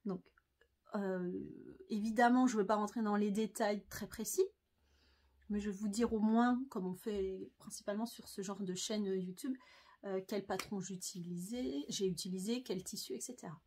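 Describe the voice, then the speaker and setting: A woman's voice: mid-range voice, fairly even intonation, normal speed, a little mellow. A French woman talking casually to camera about her sewing, chatty and hesitant, with many fillers. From France. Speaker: sewing vlogger.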